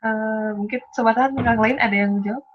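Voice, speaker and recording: A woman's voice: fairly high pitch, fairly even intonation, fast talker. A woman moderating a question session, asking short, polite questions. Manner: brief, polite prompts. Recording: dry, dull lo-fi sound.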